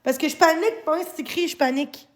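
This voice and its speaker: Streaming live, a Québécois woman angrily scolds her chat and swears often. Her voice sits high and she talks fast.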